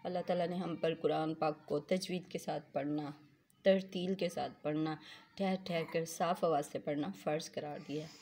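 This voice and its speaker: A woman teaching a religious lesson to her female students, explaining in a measured way and reciting verses slowly. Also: sits low, fairly even intonation, warm tone, slight background noise. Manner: measured explaining, slow chanted recitation of quotes; throat clearing, hesitant fillers.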